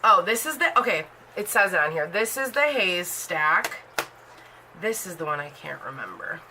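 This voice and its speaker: Bright-voiced chatty woman in her thirties. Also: on the low side, very animated, moderate pace, slight background noise, rough recording. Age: 30s. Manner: rambling and chatty, heavy on fillers. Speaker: beauty vlogger. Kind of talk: casual chat showing a makeup collection.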